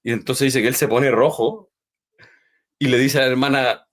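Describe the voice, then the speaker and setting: Man telling an animated story. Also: medium pitch, moderate pace. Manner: animated retelling with checking questions. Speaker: podcast host. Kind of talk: storytelling in a faith discussion.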